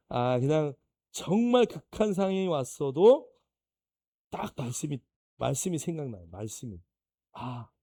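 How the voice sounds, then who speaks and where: A male pastor giving an anecdotal sermon lecture, telling stories in a lively way and acting out the people in them. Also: mid-range voice, vocal fry, no echo, studio quality. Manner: animated storytelling, acting out quoted people, laughing.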